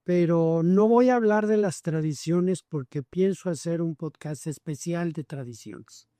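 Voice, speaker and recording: Male podcast host with a high voice, slow and unhurried delivery. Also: mellow, no room sound, studio quality. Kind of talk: podcast interview wrap-up.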